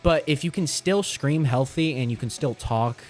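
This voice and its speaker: A man's voice: mid-range voice, normal speed, faint music behind. A man giving a casual, informal, encouraging lesson to viewers as a vocal coach. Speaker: vocal coach in metal screaming. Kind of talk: casual instructional talk to viewers.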